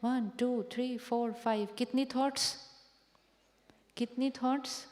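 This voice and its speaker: A woman's voice: on the high side, steady tone, slow, a little mellow. A woman giving a spiritual discourse to an audience as a teacher, repeating rhetorical questions to them. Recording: long hall reverb.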